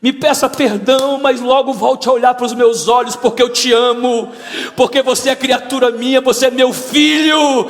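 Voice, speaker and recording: A man's voice: very high-pitched, steady tone, voice pushed up. Brief: pastor acting a tender but commanding divine father, raised voice, long reverb. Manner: loud, emphatic, slow declarations. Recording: church hall reverb.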